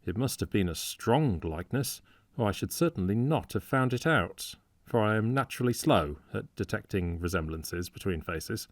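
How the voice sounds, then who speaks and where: Male audiobook narrator, measured and low-pitched; dry close-mic studio read. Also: expressive, no room sound.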